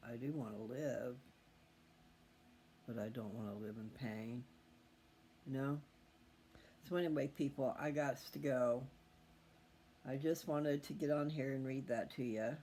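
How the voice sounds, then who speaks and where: Unhurried and taking long pauses, a man with a dark, mid-range voice chats casually to viewers of his scripture reading channel. He's folksy and meandering, thinking aloud, with faint noise in the background.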